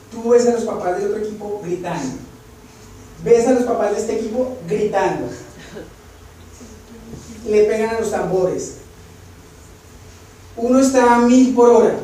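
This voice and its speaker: High-voiced preacher in an echoey hall. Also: male voice. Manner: storytelling, drops to soft near-whispers for emphasis; rises loud and emphatic when preaching. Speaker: pastor. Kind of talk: sermon. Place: church sanctuary. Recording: echoey hall from far off, noisy.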